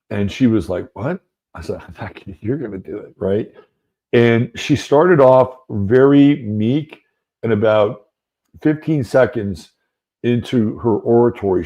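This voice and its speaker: His voice is lowish, creaky and a little mellow: a middle-aged astrology show host spinning a casual, rambling story. He wanders conversationally, dropping in plenty of fillers and side remarks.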